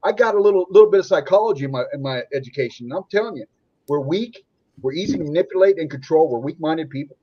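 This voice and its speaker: A man's voice: a little high, expressive, quick pace, slightly rough. A man speaking bluntly and combatively on a livestream panel, often repeating himself, heard over lo-fi online call audio. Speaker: panel guest. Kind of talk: heated livestream panel talk.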